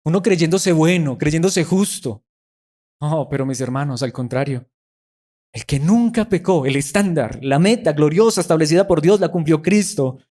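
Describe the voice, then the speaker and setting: Man, preacher, sermon, emphatic, rhetorical questions, fairly high-pitched. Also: animated, normal speed, mellow. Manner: repeats words for stress, addresses listeners as brothers.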